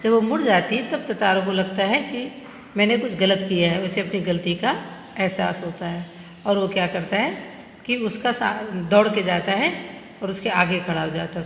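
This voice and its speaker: A woman's voice: fairly low pitch, creaky. A woman teacher explaining a story to her class, glossing words in English and acting out the characters' lines. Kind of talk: Hindi literature lesson, retelling a story with acted dialogue. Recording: echoey room with faint ambient noise.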